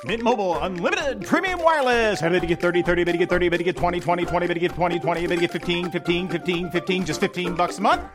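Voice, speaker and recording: A man playing a rapid-chanting auctioneer in an advertisement. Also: sits high, over music, natural voice. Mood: excited chanting. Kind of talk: auctioneer patter in an ad.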